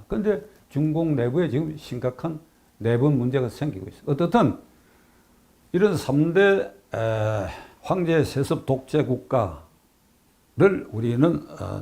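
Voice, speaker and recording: A man's voice: medium pitch, sing-song, normal speed, creaky, mellow. An older man giving a political commentary monologue, emphatic and repeating key phrases, asking rhetorical questions.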